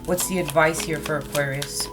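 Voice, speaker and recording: Woman, lowish pitch, conversational mystical card reading, horoscope guidance to listeners, loud music bed. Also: steady tone, normal speed. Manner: casual, conversational, addressing listeners directly. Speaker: tarot card reader. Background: music, shuffling cards.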